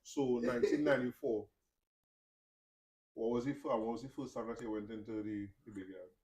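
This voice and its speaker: A man with a Trinidadian accent hosts a casual podcast interview. His speech wanders with restarts and fillers as he works his way toward each question. His pitch sits at a medium level. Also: brisk, warm tone, poor audio. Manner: rambling, hesitant, stumbles over words. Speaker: podcast host.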